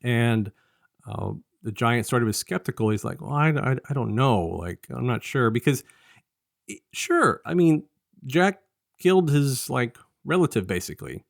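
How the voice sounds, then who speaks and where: With a medium-pitched, creaky yet expressive voice at normal speed, this man co-hosts a podcast that reviews an audio drama. He retells the story in a relaxed, meandering way, dropping into paraphrased dialogue, all in echo-free studio-quality sound.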